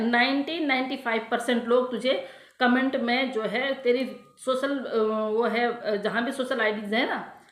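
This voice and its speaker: A woman's voice: a little high, echoey room. A woman vlogger ranting to her viewers in scornful, insulting commentary that keeps circling back on itself. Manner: scornful, insulting, repeats herself.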